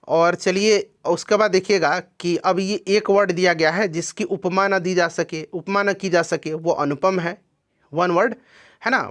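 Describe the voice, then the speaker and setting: A man with a fairly high voice walks students through exam questions one at a time. He explains each answer patiently and keeps checking in with his listeners. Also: a bit bright. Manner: explanatory, repeats "ठीक है ना" to check in. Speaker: exam coaching teacher.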